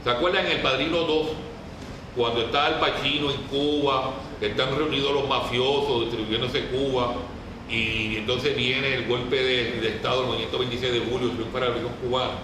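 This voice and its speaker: A man's voice: mid-range voice, fairly even intonation, brisk. A man with a Puerto Rican Caribbean Spanish accent gives an informal, didactic history talk to a group in colloquial language, often putting questions to them. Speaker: lecturer. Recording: very echoey room, distant mic, clear noise.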